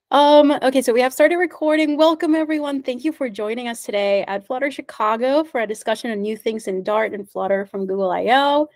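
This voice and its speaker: A woman with a fairly high, slightly mellow voice presents over a video call at an online meetup. Originally a Spanish speaker and from the U.S., she comes across upbeat and warm, sprinkling in fillers and small laughs. The audio is clean and studio-like, without echo.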